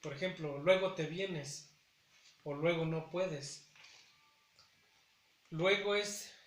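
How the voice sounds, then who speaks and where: Slow, careful man teaching. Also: on the high side, reverberant. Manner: careful, repeats each word twice for pronunciation; hesitant fillers between phrases. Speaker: Nahuatl language teacher. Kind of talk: slow spoken language lesson.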